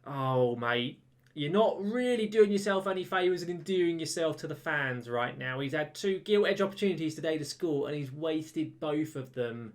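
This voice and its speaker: A man giving casual, chatty commentary over a football management game, getting excited when goals go in. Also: fairly high pitch, moderate pace. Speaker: gaming YouTuber. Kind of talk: let's-play commentary.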